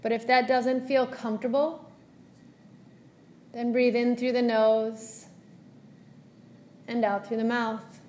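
Her pitch fairly high and barely moving, a woman leads a guided meditation as a yoga teacher. Each measured phrase is soft and calming, followed by a long pause.

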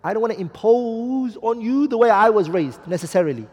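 Emphatic high-voiced man teaching a class. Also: animated, a little fast, darkish tone, husky, in a large hall, dull audio. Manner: emphatic, asks the class rhetorical questions; quotes Arabic hadith and poetry. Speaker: Islamic teacher. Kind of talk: classroom lecture on marriage.

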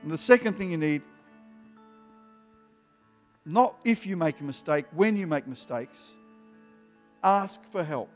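A man in his fifties preaching an emphatic sermon to young people, his voice rising in animated bursts. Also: on the high side, unhurried, long pauses. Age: 50s. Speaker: youth preacher. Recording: live hall with long reverb, soft music behind.

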